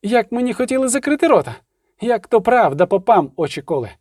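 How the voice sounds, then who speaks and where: Man voicing a rabble-rousing street preacher, declaiming, high and lively, dry sound. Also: a little fast, no echo. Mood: mocking. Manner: declaiming, shouting to a crowd. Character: fiery middle-aged male street preacher, rabble-rousing.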